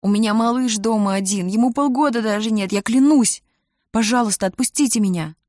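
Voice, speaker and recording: A woman's voice: fairly high pitch, fairly even intonation, a little fast, a little mellow, dry recording, clean studio sound, lightly acted. A woman playing a terrified young mother. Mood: desperate pleading. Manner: pleading, crying out.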